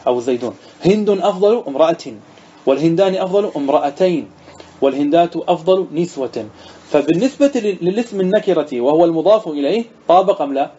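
Sheikh teaching grammar, quizzing students. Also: male voice, a little high, animated, fast, warm tone, slightly rough, lo-fi sound. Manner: reads the text aloud then explains, quizzing students who answer. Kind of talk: classroom lesson reading and explaining a text.

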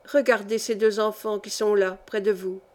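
A woman voicing a fierce noblewoman who talks in a forceful, urgent and imperious way, both commanding and imploring. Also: mid-range voice, level tone, moderate pace, close to an everyday voice.

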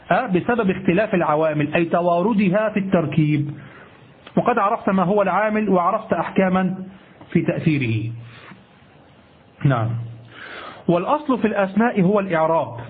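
A male teacher with a high, husky voice lectures a class on Arabic grammar, repeating himself and self-correcting. He throws out rhetorical questions and checks his students with "ha?", all on a tinny, phone-like lo-fi recording.

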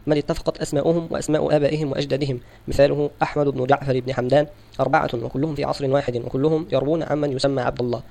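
Guy reading an islamic studies audiobook, super fast and flat, dark mellow voice, steady formal delivery. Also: mid-range voice, vocal fry. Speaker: audiobook reader. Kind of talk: scripted reading of a religious text.

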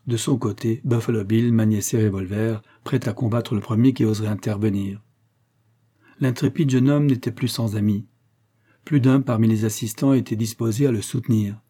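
A man reading an adventure novel aloud at a steady, measured pace. His voice is mellow and dark, with a husky grain. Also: on the low side. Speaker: narrator. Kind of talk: audiobook narration.

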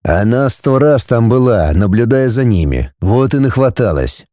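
A man's voice: medium pitch, sing-song, normal speed, warm tone, no room sound, studio quality, lightly acted. A man voicing a blunt, possessive male dragon lord, speaking cool and curt. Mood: commanding.

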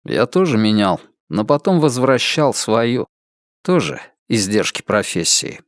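A man's voice: fairly low pitch, sing-song, unhurried, dry recording. A man voicing a blunt, skeptical male space pilot in an audiobook, close to his own voice.

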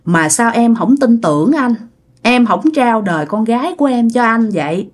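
A woman's voice: a little high, animated, normal speed. A woman voicing a young man who pleads and sweet-talks his girlfriend. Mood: coaxing. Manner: pleading, wheedling.

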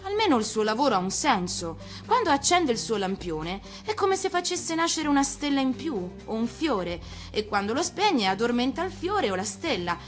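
A woman's voice: a little high, sing-song, moderate pace, hardly any pauses, faint music behind, pitched above the performer's own voice. A woman voicing a curious little boy prince in a storybook, earnest, polite and full of wonder. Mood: musing.

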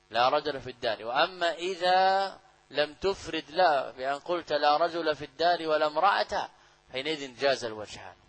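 A man's voice: a little high, a bit bright, poor audio. A middle-aged man giving a classroom lecture on grammar, repeating key phrases and asking and answering his own questions. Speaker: Islamic grammar teacher.

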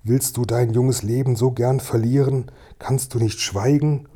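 A man's voice: mid-range voice, fairly even intonation, measured pace, mellow, close to an everyday voice. A man reading an audiobook and voicing a frail, starving old man who whispers and wails in fear. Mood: whispering fearfully. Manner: whispering, wailing, fearful.

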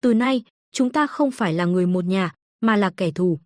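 A woman's voice: medium pitch, lively intonation, normal speed, no room sound, studio quality, natural voice. A woman voicing a young mother who was once meek and now speaks firmly and bluntly to defend her daughter. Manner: firm and blunt.

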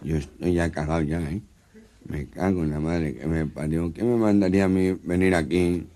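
Guy doing a nasal hunchback muttering curses, low and grumbly, old cassette. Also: steady tone, normal speed, dark tone. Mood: scared. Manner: grumbling, swearing to himself. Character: nasal hunchbacked man, terrified and cursing. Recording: old cassette joke tape.

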